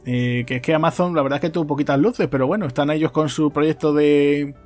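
Slightly high-voiced guy chatting about movies on a podcast, faint music underneath. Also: steady tone, a little fast, darkish tone. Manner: chatty, tags phrases with "¿no?". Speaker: podcast co-host. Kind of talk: casual film podcast chat.

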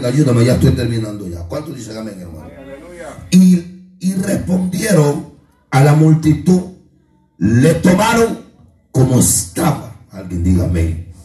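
Pastor preaching in an echoey hall. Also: male voice, medium pitch. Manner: call-and-response preaching, swings into shouted, sung lines. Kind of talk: sermon. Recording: echoey room from far off, music behind.

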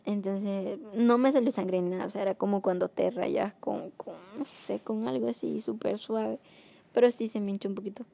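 A young woman telling a personal story in a casual, rambling way, with many fillers, mostly soft and subdued but rising when frustrated. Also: medium pitch, steady tone, moderate pace, gravelly. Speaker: vlogger.

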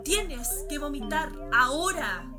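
High-voiced pleading young woman. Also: animated, takes it slowly, over music. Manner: alarmed, pleading. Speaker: daughter. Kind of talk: comic sketch acting.

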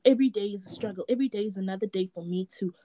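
A South African woman reflects in a casual chat, speaking rapid-fire with a medium-pitched, dark-toned voice. She often repeats words as she searches for them.

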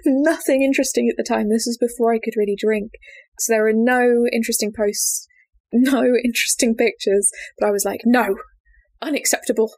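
Brisk and fairly high-pitched, this young podcast co-host keeps a steady, slightly mellow tone. She chats casually, spins stories, laughs a lot, and performs the lines of relatives she's quoting.

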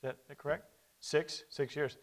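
A Brazilian man in his thirties, a native Portuguese speaker, gives a church a conversational missionary report and calls out for amens. His voice sits on the high side, with fairly even intonation and a normal pace.

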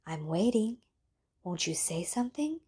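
A woman voicing a soft-spoken, seductive computer that talks in a coaxing, ethereal way, with a low, slightly breathy voice. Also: sing-song, unhurried, full character voice.

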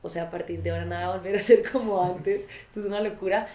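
A woman's voice: on the low side, fairly even intonation, racing, mellow. A young Colombian woman telling stories casually in an interview, with gushing, slangy valley-girl chatter. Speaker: musician in a women's collective. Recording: echoey, reverberant room.

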